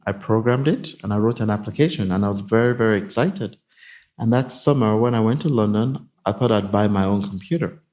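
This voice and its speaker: Man, 50s, from Nigeria, executive guest, low voice, measured. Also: a little mellow, dull audio. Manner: measured, explanatory. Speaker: guest, company CIO. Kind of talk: casual interview.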